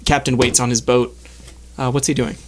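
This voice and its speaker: A man's voice: medium pitch, flat delivery, moderate pace, a little mellow, slight background noise. A man narrating as game master of a tabletop game, rambling loosely with many fillers.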